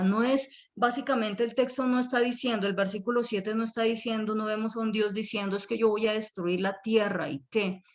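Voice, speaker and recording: A woman's voice: medium pitch, fairly bright tone. A woman preaching a sermon for an online church service. She explains word meanings, repeats key words and checks in with her listeners. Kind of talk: sermon teaching.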